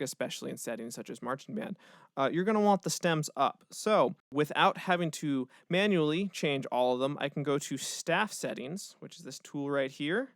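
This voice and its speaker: A man, a music educator, casually walking through a software tutorial step by step, with the odd filler word. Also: a little high, no room sound, clean studio sound. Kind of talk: screen-recorded software tutorial.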